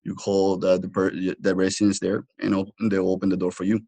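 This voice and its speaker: In a casual technical webinar, a male product trainer halts through his explanations, repeating himself and restarting often. He sits low and speaks in a mellow monotone with vocal fry.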